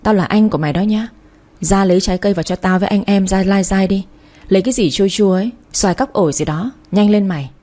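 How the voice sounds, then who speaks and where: Slurry drunk big brother yelling at his sister, woman reading it, husky low-key tone. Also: fast, natural voice. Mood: drunken bullying. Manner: slurred, belligerent. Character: drunk slurring older brother, bullying and crude.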